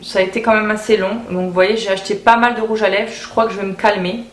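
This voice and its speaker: Woman, casual beauty vlogger, chatty, self-correcting, mid-pitched, echoey room with faint hiss. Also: steady tone, quick pace. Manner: chatty, repeats words while thinking. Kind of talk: casual haul video chat. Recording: roomy echo, faint background hiss.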